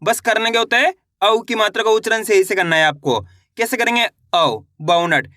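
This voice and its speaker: A man teaching beginners to read Hindi, stretching each word out slowly and saying it twice, then checking whether students follow. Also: high voice, pushed and bright, no echo, clean studio sound. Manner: coaxing, repeats "clear so far?". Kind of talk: online reading lesson.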